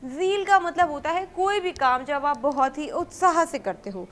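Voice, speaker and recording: A woman teaching English vocabulary to exam students. She explains each word step by step, asks questions and answers them herself, and reads English example sentences slowly and clearly. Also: high-pitched, animated, fairly bright tone.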